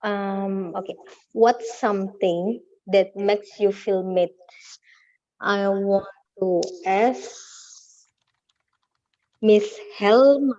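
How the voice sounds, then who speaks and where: Very slow woman student on a dry call. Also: mid-range voice, a little mellow, no echo, highs cut off. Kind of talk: online language lesson. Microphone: video call.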